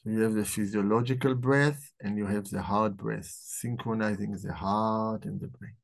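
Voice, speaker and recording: Man, low gravelly voice, live book-club host, soft slow meditation guide. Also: steady tone. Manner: slow, soft-spoken guiding voice. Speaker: doctor hosting a book club. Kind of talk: live talk.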